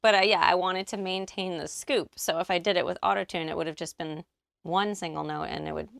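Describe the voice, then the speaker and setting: Bubbly lower-voiced woman producer explaining. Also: steady tone, a little fast, gravelly, fairly bright tone, no echo, studio quality. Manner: bubbly, chatty, gushing with slang. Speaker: vocal producer explaining her track. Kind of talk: casual studio walkthrough. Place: recording studio.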